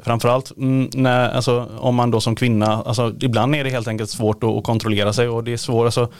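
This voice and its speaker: A man's voice: medium pitch, flat delivery, smooth, dry recording. A man co-hosting a podcast, explaining health topics hesitantly in casual chat. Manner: hesitant, many restarts and fillers, explanatory. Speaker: podcast co-host, health expert.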